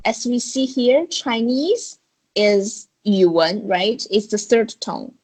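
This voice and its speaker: Brief: female language teacher, breathy, unhurried, patient and coaxing, on a video call. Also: on the high side, darkish tone, low-quality recording. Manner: patient, coaxing, guides with questions. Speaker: Chinese teacher. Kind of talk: online language lesson.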